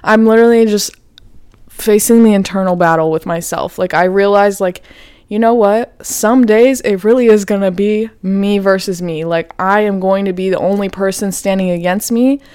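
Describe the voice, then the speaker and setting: A woman's voice: medium pitch, fairly even intonation, moderate pace, darkish tone, clean tone, no echo, studio quality. A young woman hosting her own podcast, chatting casually and candidly, cursing freely, saying "like" constantly and laughing often. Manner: chatty, profane, says "like" a lot, laughs often. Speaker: podcast host. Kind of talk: casual solo podcast talk.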